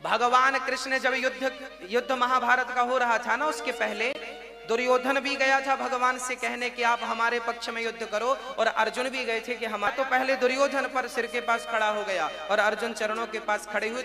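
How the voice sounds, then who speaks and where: A man giving a devotional story sermon, telling it in an animated way and acting out the dialogue. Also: very high-pitched, moderate pace, music in the background. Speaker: religious storyteller.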